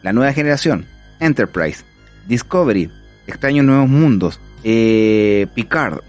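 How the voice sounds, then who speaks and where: A man's voice: mid-range voice, lively intonation, unhurried, a little mellow, faint music behind. Chatty Chilean man podcasting. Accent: Chilean Spanish. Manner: enthusiastic, rambling storyteller. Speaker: podcast host. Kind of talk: casual podcast chat.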